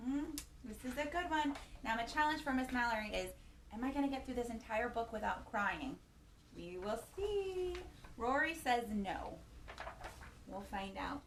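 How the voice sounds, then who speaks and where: Reading a picture book aloud to small children, this storytime host uses a high voice, gasps and questions to keep them engaged, and goes a little slowly. Faint noise sits behind her in the echoey room.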